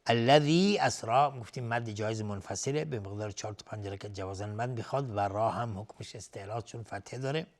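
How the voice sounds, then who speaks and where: A man teaching Quranic recitation rules on a TV lesson. He chants verses slowly and drawn out, then explains each rule in quick, plain talk. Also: on the low side. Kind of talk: tajweed lesson with slow recitation. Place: TV studio.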